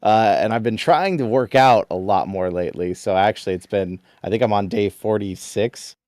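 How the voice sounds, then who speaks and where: A relaxed man talks easily as a podcast guest. His voice sits low and comes across smooth and resonant. The recording is dry and close. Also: normal speed, no echo. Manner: relaxed, easygoing storyteller. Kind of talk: casual interview chat. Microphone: VR headset.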